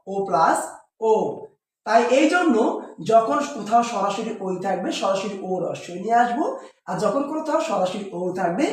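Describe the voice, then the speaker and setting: A man teaches pronunciation rules step by step, posing questions and answering them himself. His voice rings out in a strongly echoing room with a faint hiss underneath. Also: very high-pitched. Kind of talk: explaining pronunciation rules to students. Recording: very echoey room with faint noise.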